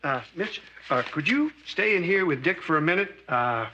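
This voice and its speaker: A good-natured handyman who talks in a folksy, earnest way with a slightly raised pitch. The old sitcom soundtrack carries clear hiss behind him. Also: expressive, highs cut off. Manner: folksy, earnest, slow-spoken. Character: genial, simple-hearted handyman uncle. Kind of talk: 1980s sitcom acting. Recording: noisy old TV sitcom audio.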